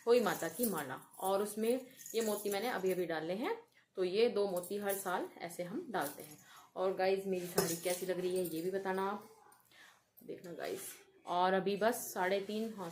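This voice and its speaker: A woman's voice: medium pitch, a little hiss or hum. A young woman with an Uttar Pradesh Hindi accent, chatting casually to her viewers at home in a festival vlog. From Uttar Pradesh, India. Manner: chatty, addresses viewers directly as guys. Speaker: vlogger.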